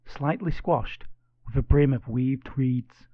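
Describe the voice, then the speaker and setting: A man narrating a children's audiobook with expressive, playful storytelling. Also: medium pitch, takes it slowly, no room sound, dull audio.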